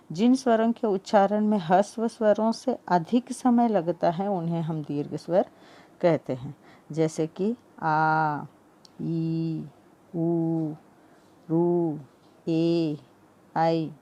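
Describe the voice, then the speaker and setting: A woman's voice: medium pitch, dark tone. A woman teaching a Hindi grammar lesson for teaching exams, who repeats each key point as a question and answers it. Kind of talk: exam-prep lesson.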